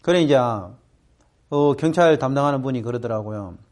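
Animated middle-aged man telling a story. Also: moderate pace. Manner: animated, acts out quoted voices with big pitch jumps. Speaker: speaker addressing students. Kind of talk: storytelling talk.

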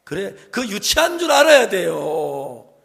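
An older man preaching a sermon as a pastor, emphatic, swinging between loud exhortation and quiet asides, often checking in with the congregation through rhetorical questions. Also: high-pitched, very animated, a little slow, creaky, in a large hall.

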